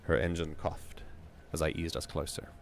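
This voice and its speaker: A man hosting a reading stream, reading a community story aloud in a measured way with joking asides. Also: rumbling low, steady tone, slight background noise.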